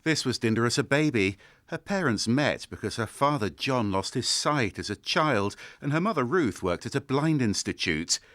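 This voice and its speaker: A man narrates a regional news report as correspondent. His pitch sits in the middle, with lively, animated intonation and a measured reporter's delivery. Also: no room sound, clean studio sound.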